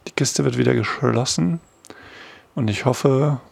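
Man, middle-aged, gravelly, dry close sound, informal explanatory monologue, hesitant wry asides. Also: medium pitch, a little slow, a little mellow, no room sound. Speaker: host of a monthly sound feature.

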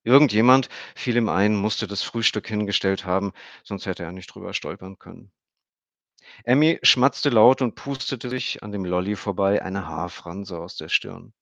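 A man reading an audiobook in a calm, wry narrating voice. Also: lowish voice, normal speed, creaky, dry recording, muffled recording. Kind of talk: scripted narration.

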